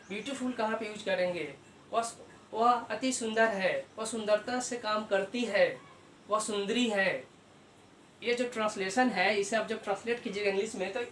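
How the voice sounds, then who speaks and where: A male teacher explains grammar at a board, pausing to ask rhetorical questions and answer them himself, and stretching out key terms. His voice rings around an echoey room, and he sounds some way off from the mic. A faint hiss runs underneath. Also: high-pitched, fairly bright tone, distant mic. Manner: repeats key terms slowly.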